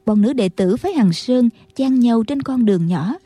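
Woman narrator, husky and mellow, fairly high, dry close mic, steady audiobook storytelling. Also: moderate pace, no echo. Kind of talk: scripted narration.

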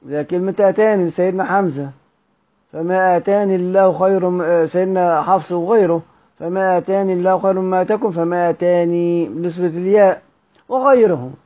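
A man's voice: sits high, lo-fi sound. A man with an Egyptian Arabic accent teaching recitation rules, repeating key words and quizzing his listeners with questions.

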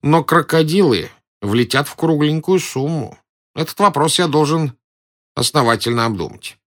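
A man's voice: on the high side, lively intonation, normal speed, voice pushed up, natural voice. A man doing a whiny, fussy old professor. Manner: whining, indignant, pedantic. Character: fussy, timid elderly male professor, whiny. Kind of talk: audiobook character voice.

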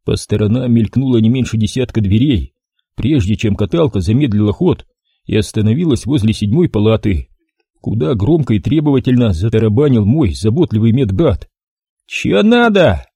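Brief: man reading a crime novel in first person, animated, dry booth sound. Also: lowish voice, brisk, husky, no room sound. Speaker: audiobook narrator. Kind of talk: first-person audiobook narration.

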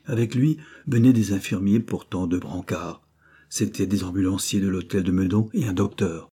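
A man narrating an audiobook in a steady, even reading voice. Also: low-pitched, normal speed, husky. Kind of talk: audiobook reading of a classic novel.

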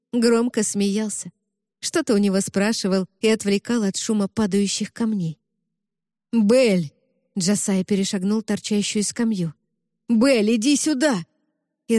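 Warm-voiced woman narrating an audiobook. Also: mid-range voice, dry recording, studio quality. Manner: emotional, expressive reading.

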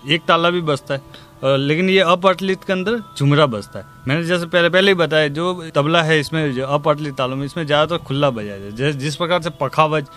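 A man teaching tabla in a spoken music lesson, calmly explaining rhythm cycles and slowly reciting the drum syllables. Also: on the high side. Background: tabla playing.

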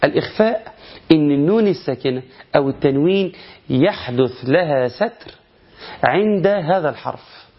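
Egyptian-accented male tajweed teacher, fast and animated, self-questioning delivery, slightly muffled lo-fi recording. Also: on the high side. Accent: Egyptian Arabic. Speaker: Quran recitation teacher. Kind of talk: colloquial recitation lesson.

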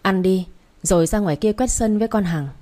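A woman's voice: medium pitch, fairly quick, mellow, natural voice. A woman reading the part of a stern older mother-in-law who gives firm, threatening commands, in a narrated story.

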